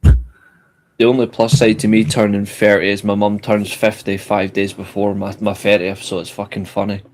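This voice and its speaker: Man, twenties, lowish voice, blunt, joking, casual podcast chat. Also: completely flat delivery, normal speed, darkish tone, slight background noise. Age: 20s.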